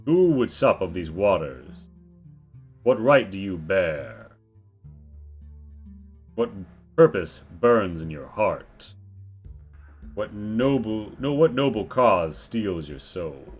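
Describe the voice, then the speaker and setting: A man performs an ancient talking tree, a solemn guardian spirit of the land in a tabletop role-play. The low voice speaks slowly and gravely in stately, archaic phrases, with faint music underneath. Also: sing-song, full character voice. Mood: solemn, challenging.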